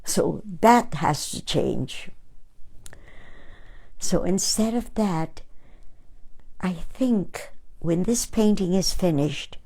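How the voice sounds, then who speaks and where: Slow-spoken older woman, gravelly and mellow. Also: on the low side, animated. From Austria. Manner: slow, halting, gentle storytelling. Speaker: host, painter. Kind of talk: casual reflective talk.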